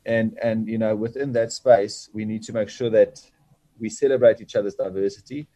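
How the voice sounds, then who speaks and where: Male interview guest, native Afrikaans speaker with Afrikaans South African accent; dark, relaxed tone, close dry sound, earnest, hesitant delivery. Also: lowish voice, normal speed, no room sound. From Bloemfontein, South Africa. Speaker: guest, sports franchise chief executive. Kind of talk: reflective interview talk.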